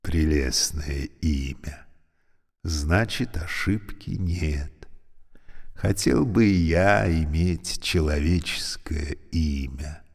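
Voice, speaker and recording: A man voicing an old, creaky, talking elevator, speaking slowly and courteously with a weary, sorrowful politeness. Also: low voice, in a large hall, full character voice. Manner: slow, courteous, mournful.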